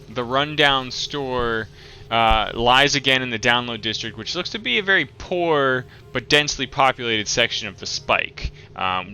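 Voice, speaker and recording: A man narrating a tabletop game as game master, improvising descriptions in a halting way. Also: medium pitch, sharp tone, low-quality recording.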